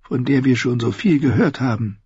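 A man voicing a gentle, courtly, blind old scholar who talks slowly and politely in a husky voice. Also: medium pitch, no echo, pitched above the performer's own voice. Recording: dull lo-fi audio.

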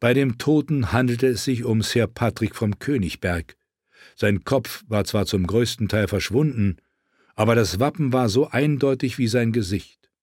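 A man narrating a fantasy novel aloud in a steady, measured reading. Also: mid-range voice, slightly rough, no room sound, clean studio sound. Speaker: audiobook narrator.

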